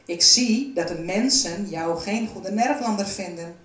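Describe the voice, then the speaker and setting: A woman's voice: medium pitch, measured pace, a bit bright, close to an everyday voice. A fatherly old woodcarver speaks strongly and with emphasis, kind and reassuring, as a woman reading a storybook puts him on. It sounds roomy and set back from the mic. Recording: roomy, from a distance.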